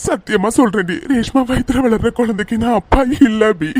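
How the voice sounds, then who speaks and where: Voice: medium pitch, brisk, a little mellow, no room sound, close to an everyday voice. A voice actor playing a young husband in a cartoon serial, pleading and tearful, repeating himself.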